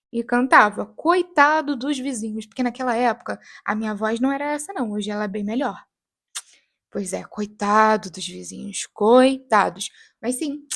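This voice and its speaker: A young Brazilian woman, an English teacher, chatting casually and playfully about how she learned English. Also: on the high side. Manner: chatty and playful, acts out English lines loudly. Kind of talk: casual vlog monologue.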